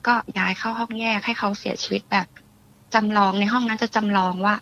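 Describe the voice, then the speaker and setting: A woman calling in to a radio talk show and telling her story in a fast, animated way. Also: mid-range voice, vocal fry, muffled recording. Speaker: caller. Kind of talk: casual chat.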